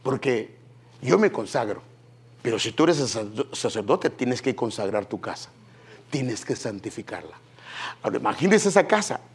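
A man's voice: medium pitch, normal speed, slightly rough. A man preaching a sermon, jumping between joking asides to the congregation and earnest teaching. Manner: animated, humorous asides to the congregation.

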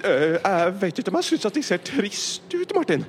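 A man voicing a bumbling, excitable male animal in a children's audio play, fussy and theatrical. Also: sits high, very noisy. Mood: eager. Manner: fussy, theatrical, swings to squeals.

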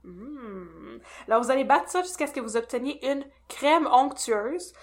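A woman with a Québécois French accent co-hosts a podcast, chatting playfully and casually. Her voice is high, with lively intonation and a measured pace.

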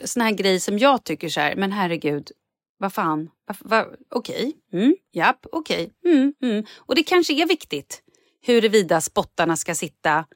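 A woman chatting as a podcast co-host, telling a story with big swings in pitch and plenty of swearing. Her voice sits dry and close on the mic. She acts out each moment as she goes. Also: dry recording. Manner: animated storyteller acting out scenes, swears freely. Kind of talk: casual chat.

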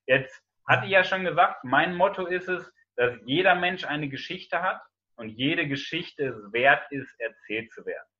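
A man's voice: on the high side, lively intonation, measured pace, pushed and bright, dull audio. A man hosting an interview, enthusiastic as he introduces his guest. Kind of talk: casual interview talk.

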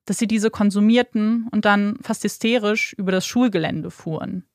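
A calm young policeman, as a woman narrator reads him, level and matter-of-fact. The voice stays steady with a gravelly edge and no room sound around it. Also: medium pitch, normal speed, no room sound, clean studio sound, close to an everyday voice.

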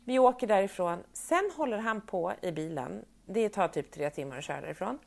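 A woman in her thirties co-hosting a casual podcast, telling a family story with animated delivery and acting out what her family said. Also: mid-range voice, creaky. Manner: animated storyteller who acts out quoted family members. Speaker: podcast co-host. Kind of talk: casual chat.

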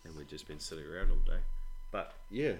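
A father appearing as a podcast guest talks about his children, with an Australian accent and a laid-back, blokey manner that includes some swearing. His low voice swoops wildly in pitch at a fairly quick pace, with a little hiss or hum.

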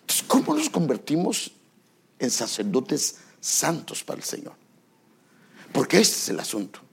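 A man's voice: mid-range voice, wildly swooping pitch, measured pace, gravelly, breathy edge. A male pastor preaching a sermon, asking the congregation rhetorical questions and stressing repeated words.

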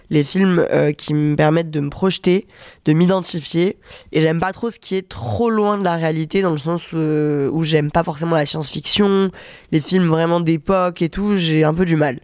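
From a hotel room, a young adult woman hosts a solo podcast, her nose blocked by a cold. Her voice sits on the low side and is a little mellow, captured in clean studio sound with no echo. She chats in a casual, rambling, self-deprecating way.

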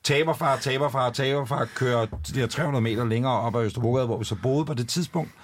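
A father talking as a podcast guest, telling a funny story in an animated way and laughing through it. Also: medium pitch. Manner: animated anecdote telling with laughter and acted-out voices. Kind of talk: casual storytelling.

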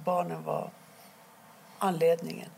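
A middle-aged woman from Iran, telling her own story in an interview, quietly and haltingly, with many pauses. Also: lowish voice, flat delivery, vocal fry, a little hiss or hum. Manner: halting, quiet and emotional, pausing often. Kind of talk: personal testimony interview.

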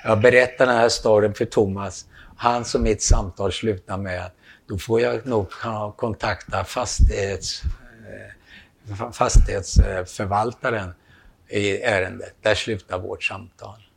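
A man tells a story in a low, gravelly voice. He acts out the quoted lines, and his voice climbs and gets louder when he plays the other people in the story. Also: steady tone. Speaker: storyteller, photographer. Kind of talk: casual anecdote telling.

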